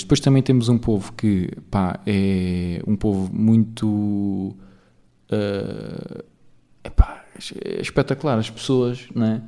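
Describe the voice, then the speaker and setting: Portuguese man, solo podcast host, lowish warm voice, casual rambling monologue. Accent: European Portuguese. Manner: rambling, full of fillers and tag questions.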